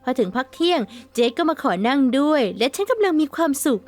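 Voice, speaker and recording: A woman narrating an animated story in first person, sarcastic and exasperated. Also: high-pitched, brisk. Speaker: narrator and heroine voice.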